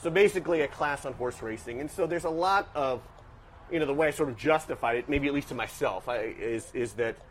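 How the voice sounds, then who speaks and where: A fifty-year-old professor raised in Washington, D.C. appears as a guest, telling the story of his background in a casual interview. His medium-pitched voice moves briskly, thoughtful and analytical with many restarts, over a slight hiss or hum.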